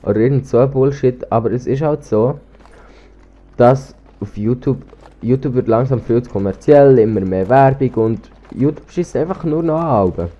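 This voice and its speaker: This is a teenage boy from Switzerland, a gaming YouTuber with a Swiss German accent, who is slightly sick with a cold and rambles casually while playing. His speech is hesitant, with lots of ums and restarts, in a mid-range, dark voice at a moderate pace. A cheap gaming headset gives it a lo-fi sound.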